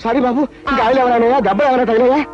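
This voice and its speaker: A fawning, sweet-talking con palmist, high and quick, dull audio with music under. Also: male voice. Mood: apologetic. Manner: fawning, honeyed and flattering. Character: smooth-talking fraud palmist man. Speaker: fake palm reader, then car driver, in a film comedy scene.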